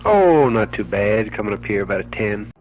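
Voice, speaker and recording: Low-voiced man talking over CB radio. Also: lively intonation, normal speed. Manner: trucker CB lingo, easygoing. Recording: lo-fi radio clip with music. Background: music.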